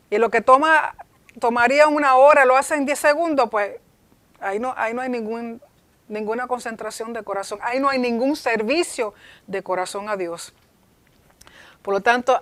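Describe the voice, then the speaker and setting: Woman pastor teaching earnestly, slightly high voice. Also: fairly bright tone, no echo. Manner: earnest, repeats herself and restarts phrases.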